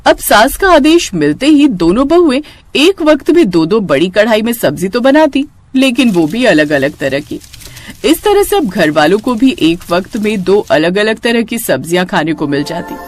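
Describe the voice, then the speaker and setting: एक महिला, नैतिक कहानी की लिखी हुई कथा सधे ढंग से सुनाती हुई।. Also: female voice, mid-range voice, big pitch swings, moderate pace. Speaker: narrator. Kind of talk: scripted storytelling.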